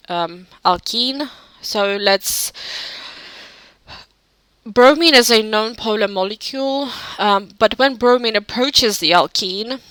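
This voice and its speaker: Over a set of slides, a woman tutoring chemistry talks in a medium-pitched, fairly bright voice, stumbling through with frequent "um"s and correcting herself. There's no room sound, though the audio is rough.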